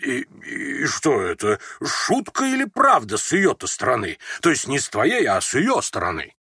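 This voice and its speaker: A man's voice: mid-range voice, huge pitch swings, moderate pace, pushed and bright, slightly rough, no echo, studio quality, heavily acted. A man reading aloud and voicing a bewildered, fussy older general who stammers and exclaims.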